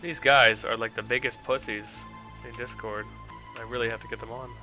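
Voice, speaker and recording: A man streaming live, his tone very bright and cutting, with a trace of music beneath. His banter is loose, chummy and full of swearing. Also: mid-range voice, fairly even intonation, a little fast. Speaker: game streamer. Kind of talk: casual live-stream chat.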